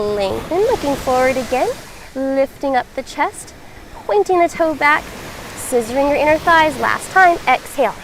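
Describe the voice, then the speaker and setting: Female yoga teacher, high voice, guiding a class with reassuring, measured instruction over light background noise. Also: poor audio. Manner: encouraging, reassuring, measured cueing.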